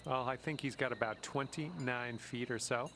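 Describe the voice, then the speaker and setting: A man's voice: mid-range voice, normal speed, creaky, pushed and bright. A man playing an on-course golf commentator, reporting from beside the players in a video game broadcast. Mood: informative. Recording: outdoor ambient noise behind.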